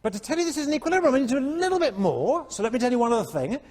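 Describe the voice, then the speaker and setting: A male economics professor giving a university lecture, animated and constantly checking in with his students. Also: very high voice, racing. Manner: animated, keeps checking in with "all right?". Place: lecture hall.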